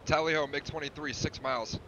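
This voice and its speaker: A man calls out terse pilot readbacks through a muffled oxygen-mask radio. His voice is bright and hurried, and the dull lo-fi radio carries a faint engine rumble underneath. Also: steady tone. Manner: clipped, quick readbacks. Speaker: fighter pilot in a flight simulator.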